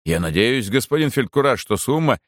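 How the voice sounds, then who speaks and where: A man's voice: medium pitch, sing-song, a little fast, dry recording, studio quality, voice pushed up, close to an everyday voice. A man voicing a stubborn, indignant male creditor who talks insistently. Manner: insistent, stammering, then outraged.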